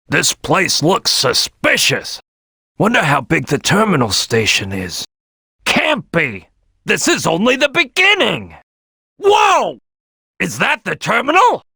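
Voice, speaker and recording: A man voicing a brash, bossy cartoon crocodile detective for a video game, gruff and raspy, barking orders at his crew. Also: high-pitched, dry recording, clean studio sound, exaggerated voice. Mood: excited, commanding. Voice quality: gravelly, raspy, forceful. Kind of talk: animated video game voice acting.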